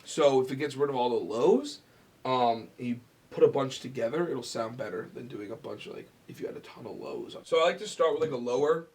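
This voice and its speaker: A man's voice: mid-range voice, a little fast. A man with a nasal voice, explaining step by step in casual talk how he records and edits his own song. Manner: relaxed, explaining each step with fillers.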